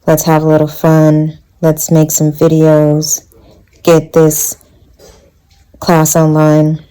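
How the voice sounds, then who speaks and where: A woman's voice: sits low, completely flat delivery, takes it slowly, dark tone, smooth, poor audio. A woman giving a wry, casual vlog narration.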